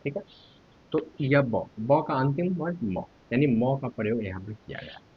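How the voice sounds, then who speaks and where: A man's voice: mid-range voice, animated, normal speed, breathy edge. A man teaching a Hindi grammar lesson online, asking the viewers questions and sounding out letters one at a time. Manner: asks questions to viewers, then answers them. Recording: dull lo-fi recording.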